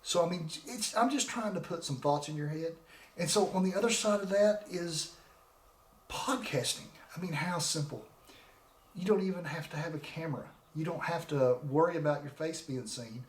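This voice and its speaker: A man in his 40s hosts his own podcast, speaking into a desk microphone with a laptop in an echoey room. His voice is fairly high at a moderate pace, and his casual solo talk rambles with frequent restarts.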